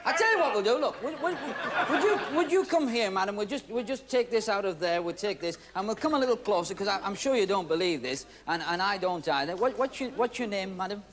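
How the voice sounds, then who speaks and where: Man magician host, playful teasing patter, high voice, loud studio audience. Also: lively intonation, brisk, hardly any pauses, a crowd in the background. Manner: chatty, teasing, playful asides. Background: audience noise and laughter.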